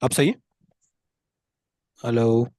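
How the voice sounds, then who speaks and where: A man asking a question in an online class over a bad connection that keeps cutting out, speaking in a hesitant, halting way. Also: medium pitch, dark tone, no room sound, studio quality. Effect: choppy, cutting-out online call audio. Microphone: video call.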